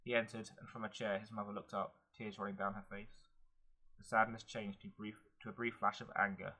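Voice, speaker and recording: A man narrating a fantasy novel in an audiobook. His voice is husky and low with a bright, forceful edge. He reads in a steady, earnest manner with little rise and fall. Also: fairly quick, low-quality recording.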